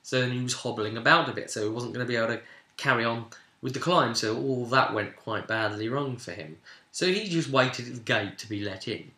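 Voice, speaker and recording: A man with a mid-range voice, talking a little fast, recaps a tabletop session as game master of his role-playing vidcast. His casual, animated storytelling rises in sudden emphatic swells, and the room sound is spacious and echoing.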